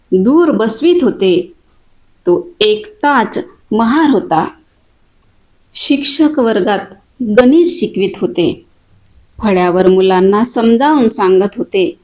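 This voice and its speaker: A woman narrating a story in a deliberate, dramatic storytelling manner. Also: on the high side, a little mellow.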